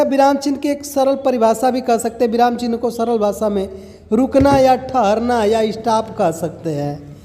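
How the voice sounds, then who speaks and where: A man's voice: very high voice, warm tone. A man teaching a grammar lesson step by step, asking questions and then answering them himself. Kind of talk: exam-prep grammar lesson. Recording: long hall reverb.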